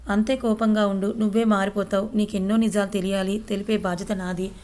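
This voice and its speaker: Determined young wife, the narrator's own voice: firm, mellow, even. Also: female voice, medium pitch, a little fast, natural voice. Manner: firm, resolute.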